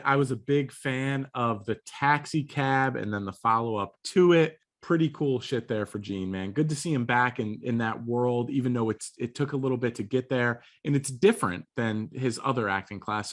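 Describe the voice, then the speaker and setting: Man co-host, easygoing slangy chat, ordinary pitch. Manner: laid-back, slangy, repeats words. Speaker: podcast co-host. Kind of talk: casual review chat.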